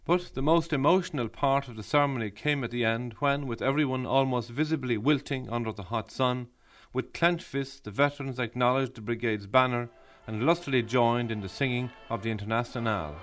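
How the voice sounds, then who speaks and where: Male reporter, scripted documentary voice-over, formal and measured, mid-pitched. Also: a bit bright. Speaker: reporter narrating.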